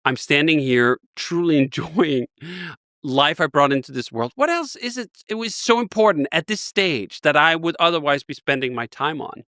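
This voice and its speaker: A man's voice: on the high side, sing-song, normal speed, bright, forceful tone, dry recording, clean studio sound. A man in his forties from Denmark, a guest telling stories with enthusiasm in a casual interview. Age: 40s. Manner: enthusiastic, rambling storyteller.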